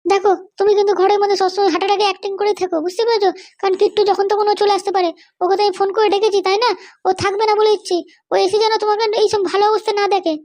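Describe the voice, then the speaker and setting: An extremely high, childlike voice belongs to a performer playing a scheming, suspicious, bossy Bengali wife and mother, middle-aged, in an animated comedy cartoon. Speaking very fast in a level, darkish tone, she nags and orders people around, insisting over and over that she be understood.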